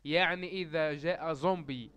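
Excitable young man narrating a zombie game. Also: on the high side, normal speed, muffled recording. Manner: excitable, yelling in panic at zombies, joking asides; speaks formal Standard Arabic to reach all Arabs. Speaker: gaming YouTuber. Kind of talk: let's play commentary.

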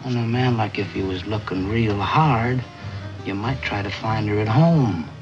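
A middle-aged American actor playing a self-important, laid-back beatnik club owner who jive-talks in rambling hipster slang in a 1950s TV drama. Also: male voice, lowish voice, unhurried. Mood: confiding. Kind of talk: 1950s television drama acting. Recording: dull vintage TV soundtrack, music behind.

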